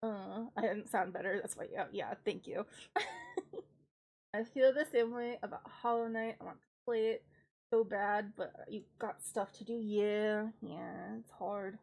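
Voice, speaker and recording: A young woman streamer with a congested voice chats casually in a mid-range, steady tone, a little slow, gravelly and a little mellow. She's talkative and giggly, making fun of herself.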